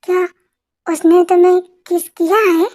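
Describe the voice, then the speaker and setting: Woman as a young wife, whiny, sobbing, accusing, extremely high voice, fan dub. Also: moderate pace. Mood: anxious. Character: young wife, dramatic and tearful. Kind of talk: amateur Hindi fan dub.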